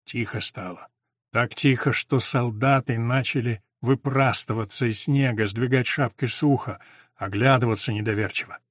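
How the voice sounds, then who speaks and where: A man's voice: mid-range voice, fairly even intonation, moderate pace, a bit bright, no room sound, clean studio sound. A man giving scripted literary narration as an audiobook reader.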